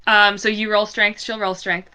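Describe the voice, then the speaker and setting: A young woman narrating as dungeon master, describing scenes in a relaxed way with fillers. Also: medium pitch, moderate pace, smooth. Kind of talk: narrating a tabletop game.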